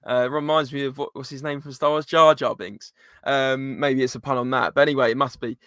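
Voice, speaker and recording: A man's voice: medium pitch, level tone, a little fast, fairly bright tone, clean tone, no echo, clean studio sound. A man hosting a casual live football chat in informal, matey slang. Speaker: live stream host.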